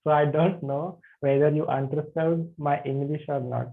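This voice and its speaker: Over a video call, a man with an Indian accent leads an online yoga anatomy class, keeping things friendly and putting questions to his students. His gravelly voice is on the high side, spoken at a normal speed with fairly even intonation, and the audio comes through tinny.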